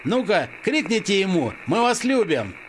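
A man voicing a tipsy, brash young male rock musician who talks loud and cocky. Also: sits high, sing-song, normal speed, slight background noise, voice pushed up. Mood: boisterous.

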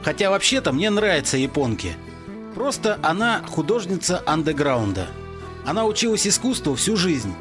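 A boisterous, half-drunk young rocker, as a male narrator plays him, loud and cocky with a lively, swinging lilt. The voice sits a little high, and music plays behind the audiobook reading. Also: normal speed. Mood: defiant. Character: tipsy brash young male rock musician.

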